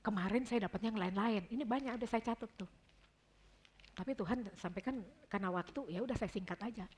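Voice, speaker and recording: Woman speaker, husky voice, informal devotional talk, personal stories, affectionate with listeners. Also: mid-range voice, fast, darkish tone. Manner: chatty, addresses listeners affectionately.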